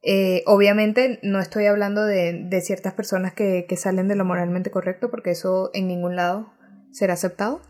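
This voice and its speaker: Woman guest, middle pitch, measured and reflective, hesitates with fillers. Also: level tone, darkish tone. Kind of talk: casual conversation.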